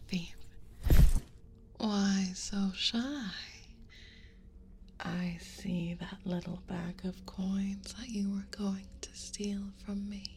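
This is a menacing, hungry female dragon, whispered by a woman in an audio roleplay. The voice sits at an ordinary pitch and moves at an unhurried, drawn-out crawl, each breathy word lingering. A faint hiss of noise stays under the whisper the whole time. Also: mellow. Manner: slow breathy whisper, predatory and teasing.

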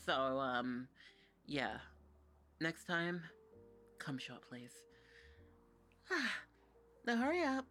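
Young adult putting on a bratty character, bossy, impatient, gravelly, unhurried. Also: mid-range voice, sing-song, a bit bright, faint music behind, full character voice. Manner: snippy and impatient, ordering around. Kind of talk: adult audio roleplay.

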